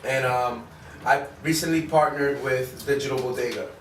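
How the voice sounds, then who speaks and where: A man, a comedian guest, answering questions in a casual podcast chat, halting with frequent ums and restarts. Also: medium pitch, steady tone. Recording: roomy, distant mic with faint noise.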